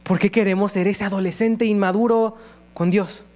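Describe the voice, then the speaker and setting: A high-pitched man preaches a sermon in earnest tones. He slips into short acted voices for prayers and quotes. A faint electrical hum sits under his voice. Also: steady tone, moderate pace, darkish tone.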